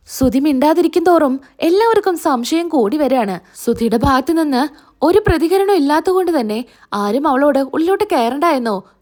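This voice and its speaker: A woman narrates a serial episode in an easy, chatty storytelling voice that sits high. She moves plainly through the events and acts out the quoted lines as she goes. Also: darkish tone. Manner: retells scenes plainly, acting out quoted lines. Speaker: channel host recapping serial episodes. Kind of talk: casual storytelling recap.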